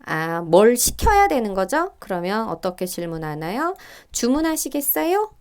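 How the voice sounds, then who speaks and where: A middle-aged woman teaching Korean, working through reading test questions and reading the example dialogues aloud in a higher, livelier voice. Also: big pitch swings, moderate pace, clear, resonant tone. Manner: thinks aloud with fillers and small laughs.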